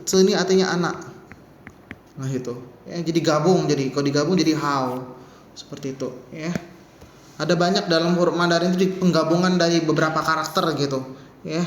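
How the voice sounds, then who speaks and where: A man teaching a beginner Mandarin class in casual Indonesian, slowly counting out the strokes of characters with relaxed asides. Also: on the high side, roomy sound, a little hiss or hum. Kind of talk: online language lesson.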